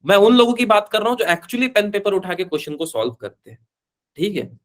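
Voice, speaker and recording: A man runs a live online physics class in a slightly high voice. He is chatty and informal, calls his students beta, and slips English phrases into his Hindi explanations. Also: big pitch swings, fairly quick. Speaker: physics teacher.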